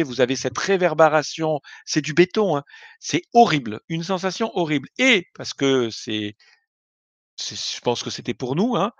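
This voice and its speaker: A man's voice: fairly high pitch, dry recording. Hesitant man on a lo-fi call. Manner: hesitant, many fillers and restarts. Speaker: guest. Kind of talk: casual live-stream chat.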